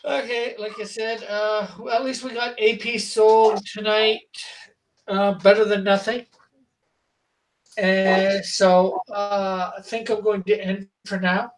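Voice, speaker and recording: A man hosting a casual livestream, talking in a halting, unpolished way. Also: high voice, little pitch movement, distant mic, poor audio. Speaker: host of an online comics art auction.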